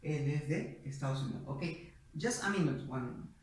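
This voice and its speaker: A man teaching an English lesson to a class, speaking slowly and patiently and asking the students questions. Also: a little high, slight background noise. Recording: echoey, mic far away.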